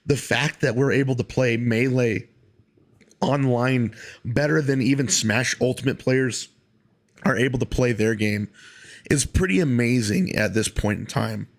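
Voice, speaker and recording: A man's voice: mid-range voice, a little slow. A man hosting a solo podcast, talking casually in an earnest, rambling, informal way. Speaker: podcast host.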